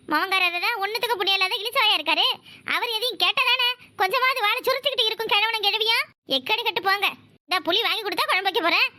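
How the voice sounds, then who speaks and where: Woman doing a squeaky nagging village wife. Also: bright, forceful tone, no echo. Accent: Kanyakumari Tamil. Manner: nagging, quarrelsome. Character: complaining, sharp-tongued young village wife and mother. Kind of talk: cartoon voice acting.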